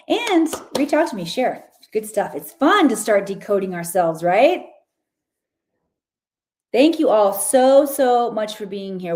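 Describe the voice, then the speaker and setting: A woman's voice: medium pitch, a little mellow. A woman hosting a podcast, giving an enthusiastic, chatty spiritual reading with casual slang. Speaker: podcast host and Akashic reader.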